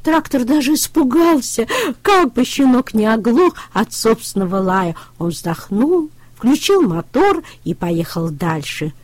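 Lady reading a kids bedtime story, slow and lively, very dry close mic. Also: a little high, no echo. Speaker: storyteller for children.

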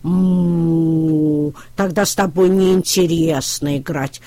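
A woman voicing a stubborn young bull calf in a storybook reading, slow and low with mooing. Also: fairly even intonation, mellow, dry recording.

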